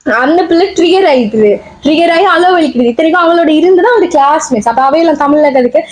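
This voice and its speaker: A woman's voice: high voice, expressive, fast talker. A woman telling a story in casual chat as a podcast co-host, laughing often.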